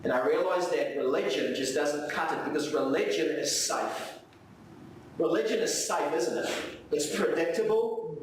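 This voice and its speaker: An Afrikaans-speaking South African preacher with a fairly high voice gives an earnest sermon with reflective readings at a live service in a church hall, speaking at a normal pace. He repeats phrases for effect and asks his listeners questions. The distant mic captures a very echoey room and faint background noise.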